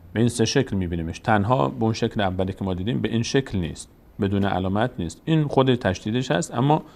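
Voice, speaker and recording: Patient male Quran reading teacher. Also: medium pitch. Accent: Tajik Persian. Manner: patient, explanatory, often asking and answering his own questions. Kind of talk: step-by-step lesson on Quranic signs.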